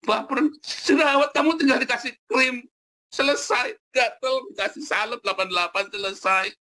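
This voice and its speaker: A man's voice: extremely high pitch, normal speed, pushed and bright, pitched above the performer's own voice. A man voicing a whiny churchgoer who pleads and fusses over small itches and pimples. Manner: whining, pleading.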